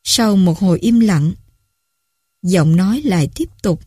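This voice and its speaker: A woman narrating stories in a calm, measured reading voice. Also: on the low side, breathy edge, no echo, studio quality. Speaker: story reader. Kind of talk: storytelling narration.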